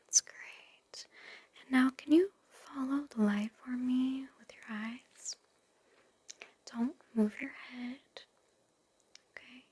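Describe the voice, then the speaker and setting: An ASMR performer plays a gentle, attentive female recovery nurse, using a high, breathy whisper that is heavily acted. She speaks slowly and reassuringly in a soothing, gentle mood.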